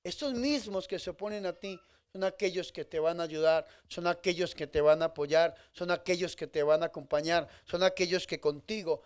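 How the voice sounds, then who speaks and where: High-voiced priest preaching. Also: male voice, normal speed, clean tone. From Colombia. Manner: emphatic preaching with big swings between loud and soft. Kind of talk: sermon.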